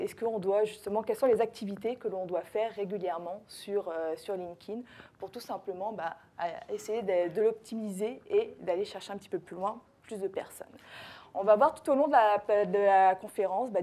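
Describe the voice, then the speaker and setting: Speaking at a conference before a live audience, this woman from France, a social media consultant and trainer, has a French accent. Her voice is medium-pitched and dark in tone, at a moderate pace. Hesitation runs through her talk, full of fillers and self-corrections.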